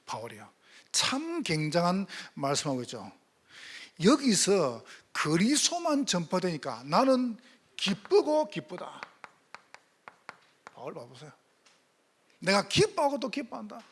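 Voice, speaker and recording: A male pastor preaching a sermon, firing rhetorical questions and swinging between loud emphatic calls and hushed asides. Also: sits high, huge pitch swings, unhurried, long pauses, husky.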